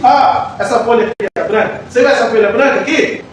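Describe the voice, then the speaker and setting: A man, a pastor, preaching a sermon with passion, moving between soft lines and shouts. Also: very high-pitched, a little fast. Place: church hall. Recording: echoey church hall, mic far off, faint noise.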